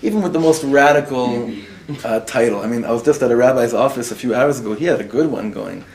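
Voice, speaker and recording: This mid-range, darkish voice belongs to a rabbi teaching quickly before a live audience, mixing Hebrew and Yiddish into his speech and asking his listeners questions. The audio, made for web students, is poor.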